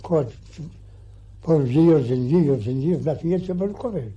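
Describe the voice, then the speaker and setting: A very old man, over a hundred, with a rural County Clare accent and an aged husky voice, reminiscing haltingly in an interview and repeating his words. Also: on the high side, mellow. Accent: rural County Clare Irish. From County Clare, Ireland. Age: over 100, very old. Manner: very old man's halting, repetitive speech. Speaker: interview guest. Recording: muffled 1960s archive interview recording.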